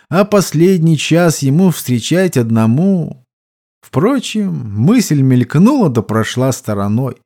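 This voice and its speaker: Brief: male audiobook narrator, mellow warm tone, measured delivery. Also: medium pitch. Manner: steady, measured storytelling. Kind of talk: scripted narration.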